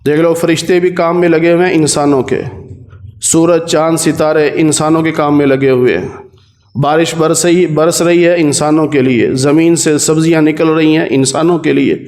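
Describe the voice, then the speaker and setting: Man teaching Quran commentary, higher voice. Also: fairly even intonation, darkish tone. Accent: Pakistani Urdu. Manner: explains verses plainly, repeating key points; recites Arabic verses slowly.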